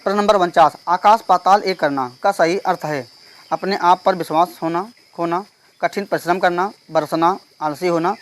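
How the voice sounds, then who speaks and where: A male teacher solving an exam paper step by step. He reads each question slowly and keeps checking in with the class. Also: high voice. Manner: explains step by step, reads questions slowly, repeats "theek hai". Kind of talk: exam paper walkthrough lesson.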